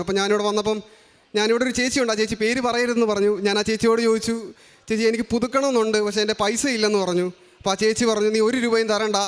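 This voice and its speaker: A young man from Kerala giving an earnest personal faith testimony, framing each remark as a quote. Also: high voice. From Kerala, India. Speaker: testimony giver at a shrine.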